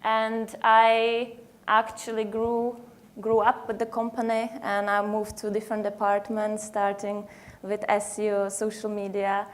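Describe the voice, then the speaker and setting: A young woman with a Czech accent speaks to a conference audience. She talks in a halting way, with frequent fillers and restarts. Her voice sits at a middling pitch. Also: completely flat delivery. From Czech Republic. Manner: hesitant, many fillers and restarts. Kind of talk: conference presentation. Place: conference hall.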